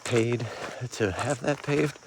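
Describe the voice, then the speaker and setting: Relaxed man narrating his road trip to a handheld camera outdoors, with steady noise behind. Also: mid-range voice. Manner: relaxed, chatty, with fillers and trailing pauses. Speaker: car club member filming a road trip. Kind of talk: casual travel vlog narration. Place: outdoors at a rental house, rivers and waterfalls. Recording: outdoor camera audio with clear background noise.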